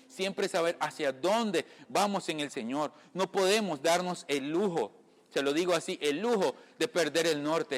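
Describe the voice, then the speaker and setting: A man from the Caribbean giving an informal sermon, talking conversationally to his listeners, often calling them brother and checking they follow. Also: fairly high pitch. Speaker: lay preacher. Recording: long reverb from a room.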